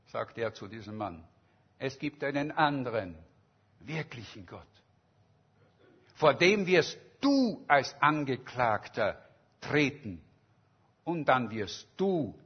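A man preaches a sermon at a very unhurried pace and builds his story with dramatic emphasis. His voice sits a bit high for a man and sounds husky. The recording is dull and lo-fi. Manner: slow, emphatic, dramatic retelling.

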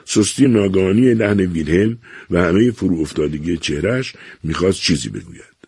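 A man narrating a novel aloud in a measured, even storytelling manner. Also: low voice, husky, dry recording, clean studio sound. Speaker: audiobook narrator.

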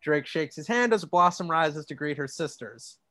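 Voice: medium pitch, animated, moderate pace, a bit bright, no echo. A podcast co-host reading a script's stage directions aloud, with wry asides.

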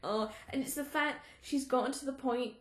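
A woman's voice: high-pitched, normal speed, roomy sound. A woman hosting a casual book-discussion podcast, laughing often and acting out lines she quotes. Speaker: podcast host.

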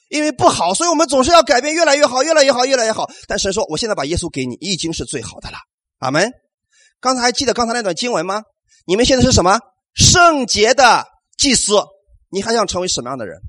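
A man preaching a sermon, animated, asking rhetorical questions and calling out amens to the congregation. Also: extremely high pitch, no room sound. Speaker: pastor.

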